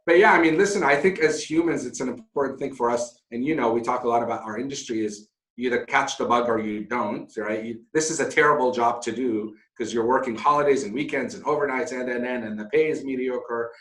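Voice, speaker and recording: In an echoey room, a hotel founder from Syria, middle-aged, talks candidly and passionately as an interview guest, with a self-deprecating streak. He speaks fairly quickly with hardly any pauses. His voice is medium-pitched and a bit bright.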